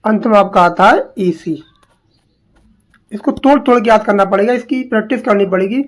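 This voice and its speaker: A woman teaching English spellings to exam students, repeating each word slowly and asking questions as she goes. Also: medium pitch. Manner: slow, drilling, repeats words and asks questions.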